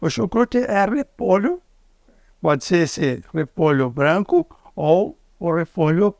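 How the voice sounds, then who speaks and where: A man with a southern Brazilian accent, explaining a recipe step by step as a cook in a cooking demonstration, with halting restarts. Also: high voice, expressive, gravelly, darkish tone, dry recording, studio quality. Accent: southern Brazilian Portuguese.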